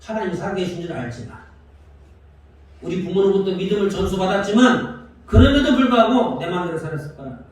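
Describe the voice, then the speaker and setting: A man's voice: sits high, fast, very echoey, far from the mic, low-quality recording. A male pastor preaching a sermon in a church, putting questions to the congregation and acting out prayers as he goes. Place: church sanctuary.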